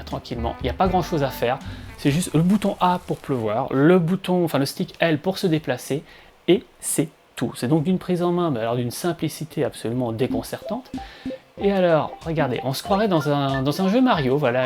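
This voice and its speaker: Playful man hosting a gameplay show. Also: a little high. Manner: playful, chatty, talks straight to the viewers. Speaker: video game show host. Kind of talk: gameplay commentary voice-over. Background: soft game music.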